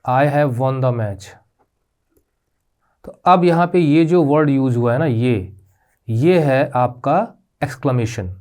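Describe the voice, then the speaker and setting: A male teacher talks over his slides at a middle pitch, patient and methodical. He slows down to spell out key terms and keeps checking in with his students. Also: a little mellow. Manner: patient, repeats "ठीक है?" checks with rising pitch; spells out terms slowly, mixing English words into Hindi. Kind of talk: classroom grammar lesson.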